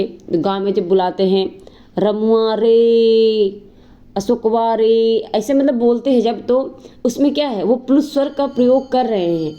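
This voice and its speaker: A woman teaches an exam-prep grammar lesson in a warm, mellow voice. She explains things step by step, poses questions and answers them herself, and stretches vowels to demonstrate them. The audio is a little dull and lo-fi. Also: medium pitch. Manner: explanatory, repeats "ठीक है" and asks rhetorical questions; drawls vowels long to demonstrate.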